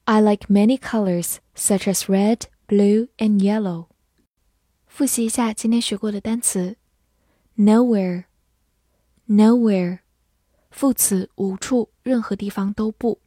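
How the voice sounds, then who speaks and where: Slow, mellow woman teaching vocabulary. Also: mid-range voice, steady tone, no room sound, studio quality. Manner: spells words letter by letter and repeats them slowly.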